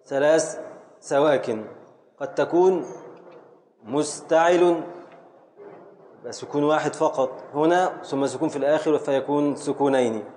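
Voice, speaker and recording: A middle-aged man with an Egyptian accent teaching a class, drawing out words slowly to scan the metre and quizzing his students. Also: mid-range voice, a little mellow, a little hiss or hum. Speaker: teacher of Arabic prosody. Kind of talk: classroom lesson.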